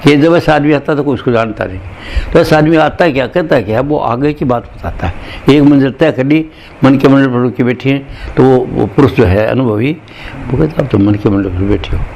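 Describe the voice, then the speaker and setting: A man's voice: mid-range voice, brisk, creaky, a little mellow. A man from India giving a morning satsang sermon as a spiritual teacher. He talks in a conversational way, speaks to his listeners directly and mixes in recited verses.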